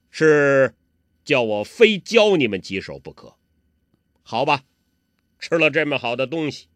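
A man voicing a jovial old male beggar martial master who talks in a loud, gruff, bantering way. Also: medium pitch, no room sound, studio quality.

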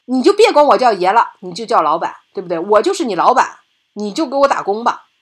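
A woman's voice: medium pitch, sing-song, fast, breathy edge. A woman voicing a poor old street performer who orders the child around in a retold film story. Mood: bossy.

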